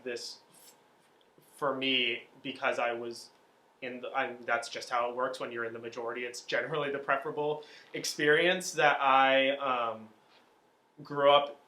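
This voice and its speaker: A young man in his twenties from Miami speaks in an easy, reflective interview style, circling back and restarting his sentences as he thinks. His voice is bright and forward, and it rings around a noticeably echoey room. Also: medium pitch. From Miami, Florida. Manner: reflective, loose, many fillers and restarts. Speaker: theatre student and singer-songwriter. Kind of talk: casual sit-down interview.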